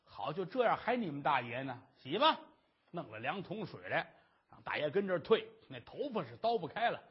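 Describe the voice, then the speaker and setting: A man performing traditional Chinese storytelling, lively and dramatic, on a dull lo-fi recording. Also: a little fast, slightly rough. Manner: lively, dramatic, shifting pitch.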